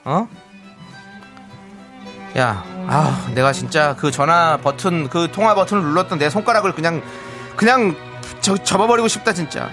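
A man's voice: fairly high pitch, moderate pace, pauses often, over music, close to an everyday voice. A man playing a furious, fed-up man ranting at a friend in a radio skit. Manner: ranting, shouting rebukes.

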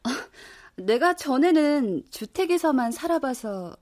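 Woman doing a calm young neighbor girl in her 20s, kinda high, lots of lilt. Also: a little slow. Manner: calm and matter-of-fact. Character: young upstairs neighbor, cool and offhand.

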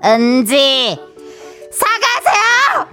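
A touchy, easily offended young friend in a comedy radio skit, acted by a woman, who keeps insisting on apologies in a sing-song, indignant way. Her voice sits very high and swoops widely, with a sharp, bright edge. Faint music plays underneath. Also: huge pitch swings, extremely slow, heavily acted.

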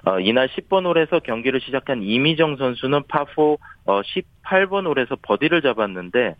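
A man's voice: mid-range voice, sing-song, brisk, no room sound. Male golf reporter, dry narrow radio sound. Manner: formal reporting with hesitations and stumbles. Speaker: sports newspaper reporter, golf correspondent. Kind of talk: scripted golf news report, play recap.

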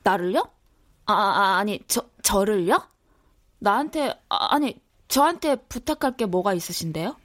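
An actress playing a curious, easily startled housewife, exclaiming and flustered, in a radio drama. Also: female voice, medium pitch, lively intonation, a little slow, fairly bright tone.

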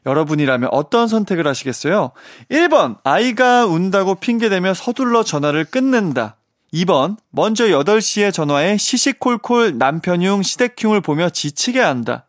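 A man's voice: high-pitched, lively intonation, moderate pace, no room sound. A man hosting a radio show, reading listener stories in a chatty, friendly way on a studio microphone.

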